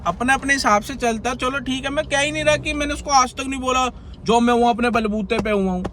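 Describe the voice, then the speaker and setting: A man vents to his viewers in a rambling, indignant rant, circling back to the same points. His voice sits high. He records on a phone from inside a car on the highway, with faint road noise underneath. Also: fairly quick, a bit bright. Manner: indignant, rambling, repeating himself. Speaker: content creator. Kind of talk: agitated vlog rant to viewers.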